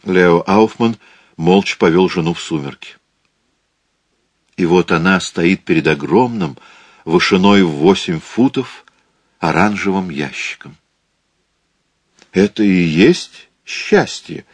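Male audiobook narrator, very low voice, slow measured reading, dry studio. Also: animated, no echo. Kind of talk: scripted literary narration.

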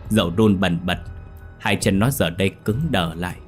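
A man narrating a scripted horror story in a lively storytelling manner. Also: low-pitched, moderate pace, slightly rough, soft background music.

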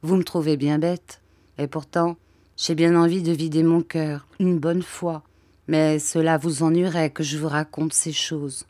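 A woman's voice: deep voice, level tone, measured pace, dark tone, no room sound. A woman reading aloud, voicing a shy, sad middle-aged male painter who pleads plaintively and belittles himself. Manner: plaintive, self-deprecating pleading.

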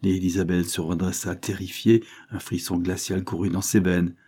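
A man reading a novel aloud as an audiobook, in measured, dramatic storytelling. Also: deep voice, flat delivery, mellow, breathy edge. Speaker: audiobook narrator. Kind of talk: audiobook narration.

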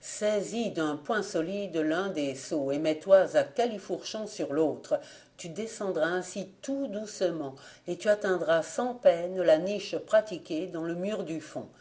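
A woman reading the part of a sly, ironic old blind man, speaking calmly with quiet irony. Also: fairly low pitch, a little slow, close to an everyday voice. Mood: instructive. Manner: calm, gently ironic.

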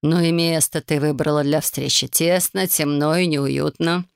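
An irritable, bossy fairy from a storybook scolds in a slow, deliberate, impatient voice, put on by a woman reader. She drags out her words, a little lower than the narrator's own voice. The sound is dry and close. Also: steady tone, gravelly, clean tone, no room sound. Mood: scolding.

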